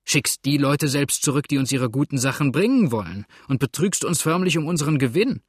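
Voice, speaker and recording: A reproachful, greedy boatman who keeps grumbling, as a male narrator puts him on. His voice sits at an ordinary pitch, read close and dry. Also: a little fast, a bit bright, breathy edge, no echo. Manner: complaining and reproachful.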